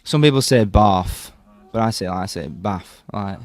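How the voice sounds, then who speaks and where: A man's voice: on the low side, expressive, fast talker. A young man with a Yorkshire accent, chatting and laughing easily in an interview. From Yorkshire, England. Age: young adult. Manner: chatty and laughing, with frequent fillers. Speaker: university student, torch relay participant. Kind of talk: casual interview chat.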